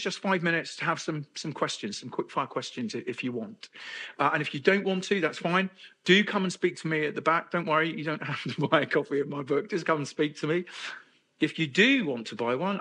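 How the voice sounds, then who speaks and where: A man's voice: on the high side, pushed and bright. A middle-aged man from England giving a candid personal testimony at a men's conference, with self-deprecating humor. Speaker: conference speaker.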